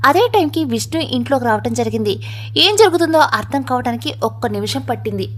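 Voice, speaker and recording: A woman with a high voice narrates a family drama story. Her reading is scripted and emotive, pushing the drama along. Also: expressive, fairly quick, husky.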